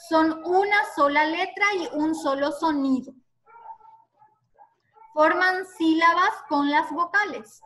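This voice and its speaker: A woman teaching an online class, explaining slowly and patiently and spelling out sounds one by one. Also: high-pitched, a bit bright.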